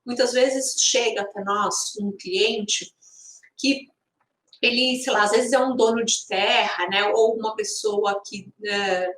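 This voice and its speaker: Casting: Brazilian woman, live stream instructor, conversational and explanatory, fairly high voice, roomy echo. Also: fairly even intonation, slow, fairly bright tone. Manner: conversational, often adding tag questions. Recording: echoey room sound.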